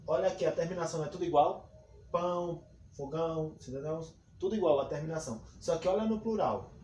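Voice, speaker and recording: A man teaching a grammar class, patient and thorough, repeating each rule and giving example after example. His voice sits a little high for a man but has a warm, mellow tone. It sounds like a bare, echoey room, with a faint hum underneath. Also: a little fast, highs cut off. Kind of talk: explaining a grammar lesson.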